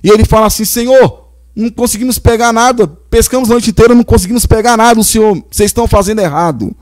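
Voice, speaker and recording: A man's voice: sits high, fast talker, dry recording. A male pastor from Brazil preaching a sermon, telling Bible stories and acting out the figures' lines. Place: church.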